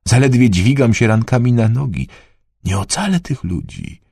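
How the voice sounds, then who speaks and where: A man reading an audiobook, voicing a frail, anxious old male peasant who speaks quietly and hesitantly. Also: medium pitch, lively intonation, moderate pace, creaky, slightly rough, no room sound, clean studio sound, voice pushed up. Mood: worried. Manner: quiet, hesitant, half-whispered.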